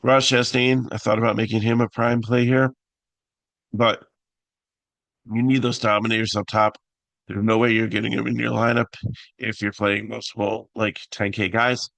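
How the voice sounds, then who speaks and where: A fantasy sports analyst host talks through his picks casually on his own, his voice low, raspy, flat and gravelly. The recording has no echo, and his delivery halts with many fillers and restarts.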